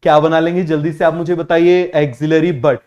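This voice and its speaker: A male teacher giving an online biology lesson in Hindi-English mix, repeating key terms and urging students to answer quickly. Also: a little high, little pitch movement, a little mellow, dull audio. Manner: repetitive, keeps asking students to answer quickly; drills terms by repeating them slowly.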